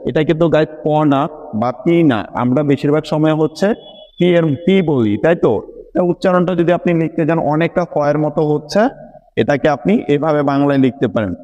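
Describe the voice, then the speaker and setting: A man teaching English pronunciation in a video lesson, patiently explaining each letter in Bengali mixed with English words and often asking whether it is clear. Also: fairly high pitch, fairly quick, mellow, lo-fi sound.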